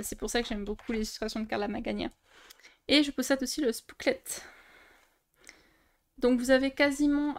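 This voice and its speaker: A young woman, chatting casually in a vlog as she shows her coloring books, with many fillers and restarts. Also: a little high. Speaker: coloring book youtuber. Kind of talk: casual show-and-tell vlog.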